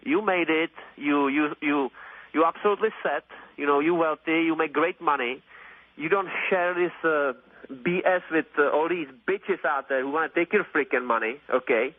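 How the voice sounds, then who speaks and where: A man in his late 30s calls in to a radio show, his slightly high voice coming through a thin, tinny phone line in an otherwise dry recording. At normal speed he gushes, rambles and repeats himself, mildly profane, in casual, opinionated chat.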